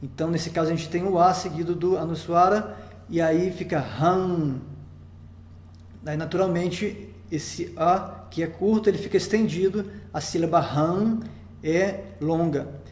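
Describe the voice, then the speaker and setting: A man's voice: high-pitched, steady tone, moderate pace, a little mellow. A man with a Brazilian Portuguese accent teaching Sanskrit in a recorded lesson, explaining patiently step by step and often checking in with his listeners. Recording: roomy echo.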